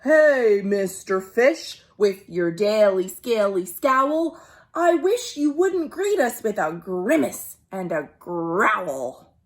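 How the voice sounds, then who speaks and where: A woman's voice: mid-range voice, very animated, slow, voice pushed down. A woman voicing a chiding sea creature in an emphatic, rhyming storybook delivery. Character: sea creature friends scolding a gloomy fish.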